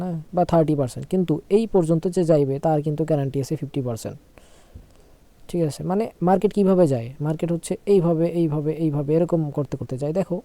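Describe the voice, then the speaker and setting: Young man, unwell, very dark mellow tone, slow casual tutorial, keeps checking "okay?". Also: on the high side. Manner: slow, repeats phrases, asks "okay?" often. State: unwell, speaking slowly. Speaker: trading tutor. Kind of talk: casual screen-share tutorial.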